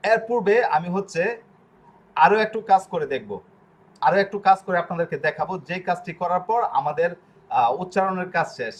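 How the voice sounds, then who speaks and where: A man teaching an online language class, explaining slowly, repeating himself and often pausing on fillers. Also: fairly high pitch, slight background noise. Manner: slow, repetitive explaining with frequent fillers.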